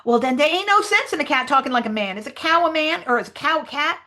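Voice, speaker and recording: A woman reading aloud as a stubborn grown man who argues in dialect, in a lowered, indignant voice. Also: lively intonation, fast, bright, forceful tone. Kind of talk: reading aloud a novel dialogue.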